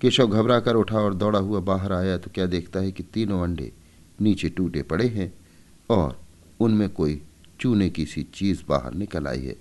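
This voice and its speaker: A man narrating a story in an expressive, measured storybook reading. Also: low-pitched.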